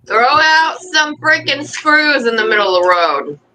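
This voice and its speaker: Bright, higher-voiced woman, blunt. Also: animated, unhurried, poor audio. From lived in North Dakota about half her life. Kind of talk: casual chat. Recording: some background noise.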